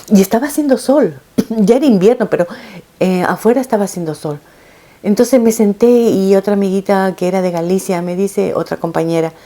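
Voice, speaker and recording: A middle-aged woman, a mother, telling her viewers a painful personal story in an emotional, halting way, with frequent restarts. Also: mid-range voice, warm tone. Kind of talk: personal testimony told to viewers.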